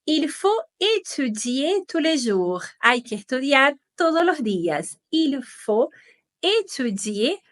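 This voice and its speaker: A woman, teaching French patiently and clearly and often checking in with her students. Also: sits high, very animated, fairly bright tone. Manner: patient and careful, checking in with "¿sí?" and modelling pronunciation slowly. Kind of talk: slow, clear language lesson.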